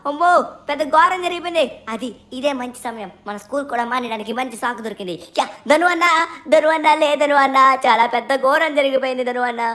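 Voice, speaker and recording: A lazy, mischievous little cartoon boy chatters away, voiced by a woman. His voice is high and his words come quickly. He whines, pleads and schemes in a cheeky, childish way. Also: fairly bright tone.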